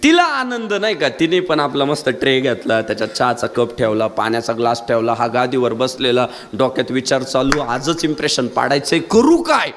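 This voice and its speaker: A man preaching a humorous kirtan sermon, telling a story and swinging his voice low and high to act out the people in it. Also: animated, brisk, few pauses, fairly bright tone. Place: live kirtan gathering.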